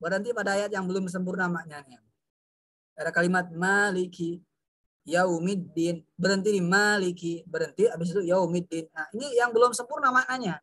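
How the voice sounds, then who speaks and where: A man's voice: sits high, fast talker, sharp tone, dry recording. A man teaching a class of pupils in a chatty way, with frequent fillers, addressing the students fondly as children. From Indonesia. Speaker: religious studies teacher. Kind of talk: online class lesson.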